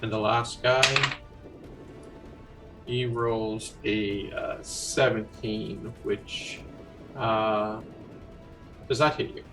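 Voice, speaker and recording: A man's voice: on the low side, fairly even intonation, very slow, long pauses, far from the mic, over music. Casual man running a tabletop game. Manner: casual, rambling narration with fillers. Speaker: game master.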